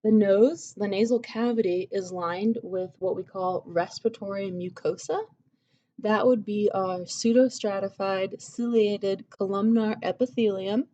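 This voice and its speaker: With a warm, medium-pitched voice, fairly even intonation, and a measured pace, a woman gives a recorded anatomy lecture. She explains casually, using fillers like "um" and "like," and the recording sounds slightly dull and lo-fi.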